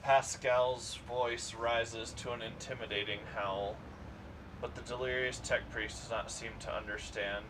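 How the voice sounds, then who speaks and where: A man streaming a game, reading its narration in a plain, steady way. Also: medium pitch, a little slow. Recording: distant mic with clear background noise.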